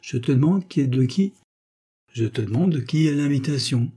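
A man voicing a sharp-tongued, impatient bourgeois wife who scolds loudly in a raised, husky voice. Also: mid-range voice, lively intonation, moderate pace, pitched above the performer's own voice, natural voice. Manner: loud, scornful and exclaiming.

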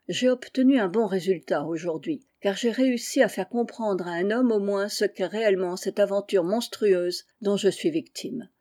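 A woman's voice: mid-range voice, warm tone. A woman reading a classic story aloud in the first person, with tense, feverish delivery. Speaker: audiobook reader. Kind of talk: first-person literary narration.

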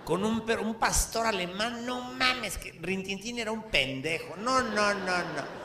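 A man's voice: high-pitched, animated, unhurried, roomy sound, a crowd in the background. A man with a Mexican Spanish accent, telling raunchy stand-up jokes in a crude, profane, playful way.

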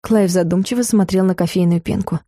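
A woman reading an audiobook in an even, measured manner. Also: lowish voice, no room sound, clean studio sound. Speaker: audiobook narrator. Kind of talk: scripted audiobook narration.

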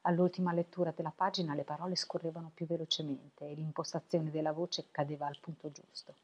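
A woman reading a novel aloud for web radio, steady and unhurried. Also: sits low, slightly rough, lo-fi sound. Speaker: volunteer reader.

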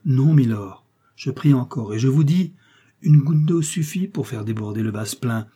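A man's voice: medium pitch, animated, moderate pace, warm tone, slightly rough. A man reading aloud voices a zealous young officer in an audiobook, speaking in a fervent, insistent, pleading way.

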